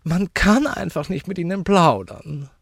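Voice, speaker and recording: A man voicing a prim, prissy widow lady in a high, affected, preachy voice in a storybook reading. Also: measured pace, gravelly, no echo, clean studio sound, exaggerated voice.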